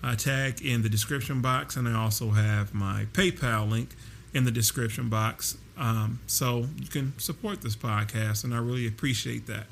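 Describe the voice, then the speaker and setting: A man's voice: mid-range voice, steady tone, moderate pace, creaky. A man hosting a casual solo podcast, talking directly to listeners in a conversational way. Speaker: podcast host and personal trainer. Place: at home with air conditioning running. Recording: constant air conditioner hiss. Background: hissing air conditioner noise.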